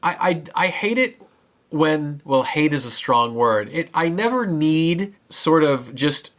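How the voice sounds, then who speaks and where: A man's voice: on the high side, animated, slow, fairly bright tone. A man co-hosting a movie podcast in casual chat, enthusiastic and rambling with frequent restarts. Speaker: podcast co-host.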